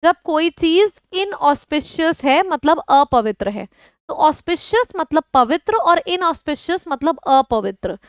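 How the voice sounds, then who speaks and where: Woman, Indian accent, exam-prep vocabulary lesson, questions to viewers, high voice. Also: very animated, measured pace, no room sound, studio quality. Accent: Indian English. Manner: explains word lists, with questions to the viewers. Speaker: English vocabulary teacher.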